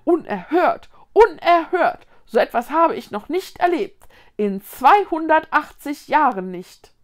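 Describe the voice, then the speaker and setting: Woman doing a cranky ancient tree lady, grumbly and huffy, gravelly. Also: on the low side, very animated, a little slow, mellow, voice pushed down, heavily acted. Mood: outraged. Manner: grumbling and indignant. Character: grumpy old rowan tree woman, 280 years old.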